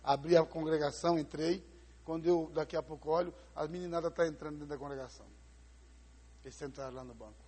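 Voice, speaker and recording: A man from preaching a sermon as pastor, telling a story and acting out the voices, swinging between loud and hushed. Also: fairly high pitch, fairly even intonation, fast talker, husky. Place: church sanctuary. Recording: live in a large church with long reverb.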